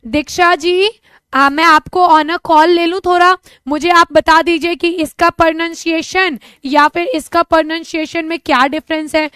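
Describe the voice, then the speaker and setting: A young woman with an Indian accent runs a live online lesson. She talks in a chatty, joking way, flipping between two languages. Her voice sits high, and the sound is close and dry with no room. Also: steady tone, a little slow, a bit bright, dry recording. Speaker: teacher.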